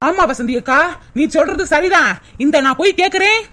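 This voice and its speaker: A woman voicing an angry young village wife in a cartoon, scolding in a shrill, rapid manner. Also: a bit bright. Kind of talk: cartoon voice acting.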